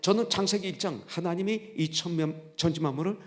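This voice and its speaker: A man's voice: sits high, fairly quick. A middle-aged male pastor giving a revival sermon, telling his own story with many hesitant fillers.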